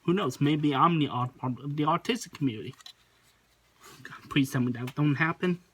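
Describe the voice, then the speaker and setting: A man hosting a reaction video, talking casually and rambling, sometimes pausing to search for his words. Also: a little high, husky.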